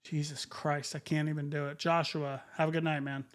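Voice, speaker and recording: A man's voice: a little high, level tone, moderate pace. A man chatting casually as a livestreamer, informal and profane, often muttering to himself. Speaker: streamer.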